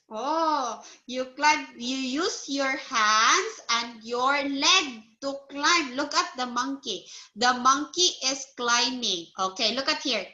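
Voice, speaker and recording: High, bright-voiced patient teacher woman. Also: muffled recording. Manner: patient, slow, repeats words for the learner to copy; encouraging, praises answers. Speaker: English teacher. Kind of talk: one-on-one English lesson with a child.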